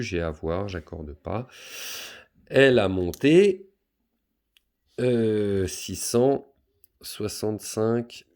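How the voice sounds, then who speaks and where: A male teacher works through a subtraction problem for his pupils, pausing on fillers as he goes. His voice sits low and has a gravelly edge. His manner is patient and step-by-step. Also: a little mellow. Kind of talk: math lesson for pupils, explaining on a board.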